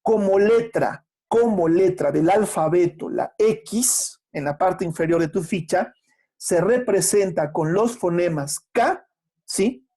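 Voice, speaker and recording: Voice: medium pitch, warm tone. Patient teacher. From Peru. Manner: patient, explanatory, poses rhetorical questions and answers them; slows down to spell out sounds and letters. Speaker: secondary school language teacher. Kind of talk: remote class lesson.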